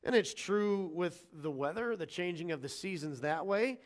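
High-voiced animated male pastor preaching. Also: moderate pace. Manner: animated, acts out quoted lines with shifting voice; conversational asides to the congregation. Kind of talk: sermon.

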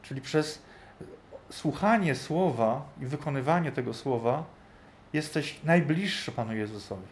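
A man's voice: medium pitch, expressive, measured pace, a little hiss or hum. A man teaching a Bible study group in a conversational way, thinking aloud and often checking in with his listeners.

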